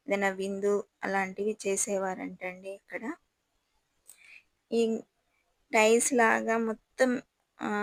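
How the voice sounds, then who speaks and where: A woman's voice: medium pitch, gravelly, no room sound, rough recording. A woman gives a chatty, admiring guided tour and talks straight to her viewers. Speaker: travel vlogger touring a palace. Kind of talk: casual guided tour narration.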